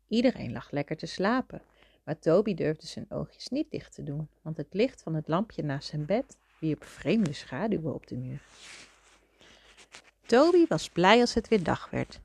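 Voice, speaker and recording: A middle-aged woman reading a children's book aloud to her young son, with gentle, expressive storytelling. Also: deep voice, creaky, slightly rough, no room sound.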